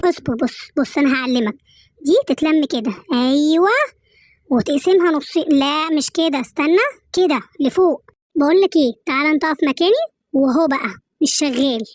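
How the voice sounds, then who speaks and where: A woman's voice: sits high, a little fast, darkish tone, no echo, natural voice. A woman voicing a cheeky, bossy female pet in an Egyptian accent, in a comic animal dub, chatty and teasing. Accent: Egyptian Arabic. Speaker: voice dubber.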